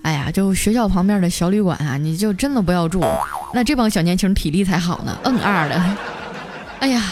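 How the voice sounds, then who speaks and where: A woman's voice: on the low side, expressive, brisk. A woman with a Northeastern Chinese accent hosting a podcast, reading listener comments and teasing back in a playful way, often laughing as she talks. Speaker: podcast host. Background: background music.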